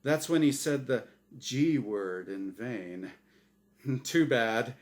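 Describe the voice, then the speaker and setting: In a dramatic storybook reading, a man voices a smug, showy angel who hosts a game show, delivering theatrical, emphatic patter. His mid-range voice is animated and slow-paced, with a smug, jovial mood.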